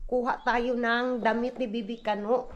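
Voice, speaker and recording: Speaking unhurriedly in a slightly high voice with little pitch movement, a middle-aged Filipino woman with a Visayan accent chats to her viewers in a home vlog. The stay-at-home mom, filming indoors in the family home, keeps calling them "day" and mixes English into her Tagalog. The audio is roomy and dull, with a little hiss or hum.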